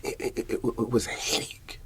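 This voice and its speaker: In an ASMR roleplay, a man plays a paranoid, troubled older Southern farmer, speaking in a breathy whisper. He rambles haltingly and repeats his words, sounding uneasy and bewildered, with a natural voice and a slight hiss or hum in the background.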